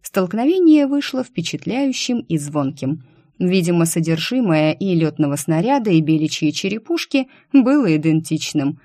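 A woman narrating a first-person story with a wry, deadpan comic touch. Her voice sits a little low and is recorded close and dry, with no room echo. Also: moderate pace. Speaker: audiobook narrator.

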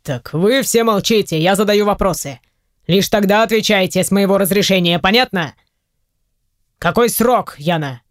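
A reader voicing a stern, quick-tempered wealthy father who speaks slowly and low. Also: no echo, studio quality, natural voice. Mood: angry. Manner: slow, low, weighty delivery.

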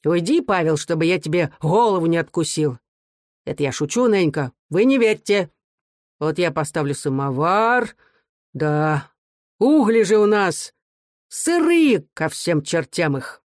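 A narrator voicing a gruff, mockingly teasing man who is kind at heart. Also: medium pitch, sing-song, measured pace, dry recording, studio quality. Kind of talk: audiobook character reading.

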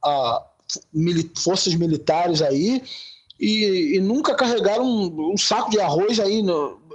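A man from Brazil in a casual podcast discussion, talking in halting bursts with many restarts. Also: high voice, expressive, husky, poor audio. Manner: halting, many repeated words and restarts, heated. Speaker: podcast co-host.

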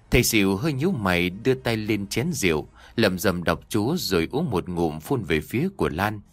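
A man narrating a horror audio story in an expressive, storytelling manner. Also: on the low side, no echo.

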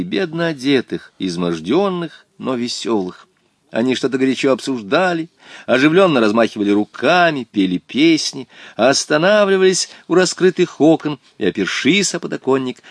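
Expressive male audiobook narrator. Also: mid-range voice, no room sound, clean studio sound. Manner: expressive, storytelling. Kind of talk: scripted narration.

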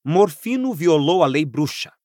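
A man's voice: on the high side, very animated, a little fast, no echo, studio quality. A man voicing a polite, firm male ministry official in an audiobook, earnest and cautious.

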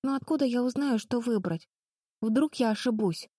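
A woman voicing Charlie, an excitable youngest little sister who yells and frets. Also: normal speed, dry recording, clean studio sound, close to an everyday voice. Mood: worried. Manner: shrill, yelling, wobbly.

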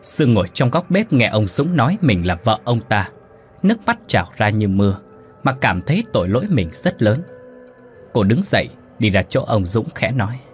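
A man's voice: fairly low pitch, sing-song, moderate pace, soft background music. A man reading a horror story aloud as the channel's storyteller, dramatic and with fillers in his asides.

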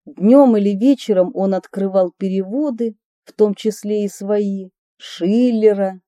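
Woman narrating her memoir, very warm dark voice, wry storytelling, super dry booth. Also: mid-range voice, unhurried, no echo. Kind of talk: audiobook memoir reading.

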